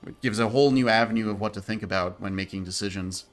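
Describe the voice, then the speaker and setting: A man's voice: fairly low pitch, fast. A man co-hosting a gameplay stream, explaining how the game works in a light, joking way. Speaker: stream co-host. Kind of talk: casual gameplay chat.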